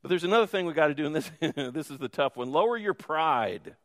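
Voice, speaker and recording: A man's voice: on the high side, expressive, brisk. A man preaching a sermon in a conversational way, asking the congregation questions and joking with them. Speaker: pastor. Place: church sanctuary. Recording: reverberant church hall.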